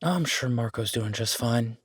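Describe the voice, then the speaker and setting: Here a man voices an affectionate, easygoing restaurant owner and chef with a down-home style, reassuring the listener in a relaxed, folksy way. He speaks at a medium pitch and measured pace with a breathy edge, captured in a dry, clean studio recording.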